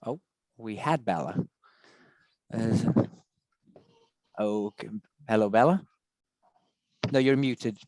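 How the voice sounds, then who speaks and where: A man's voice: lowish voice, slow pace, pauses often, darkish tone, no echo, rough recording. A man hosting an informal online meeting and presentation over a video call. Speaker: meeting host.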